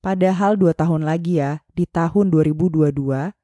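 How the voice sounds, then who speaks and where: Woman, Indonesian accent, scripted podcast narration, warm dark timbre, dry close sound. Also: sits low, normal speed, no room sound. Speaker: podcast host.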